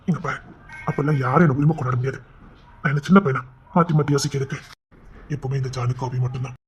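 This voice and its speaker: A man playing a brash young husband who blusters and then softly reassures his wife in an amateur audio drama. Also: mid-range voice, fairly even intonation, slight background noise, close to an everyday voice. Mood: tender. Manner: fast, blustering, then soft and coaxing.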